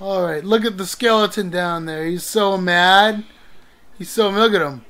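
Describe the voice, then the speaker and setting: Bright-voiced woman panicking through a game. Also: mid-range voice, unhurried. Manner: narrates own moves, panicky yelps when chased. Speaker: gaming channel host. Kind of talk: let's play commentary.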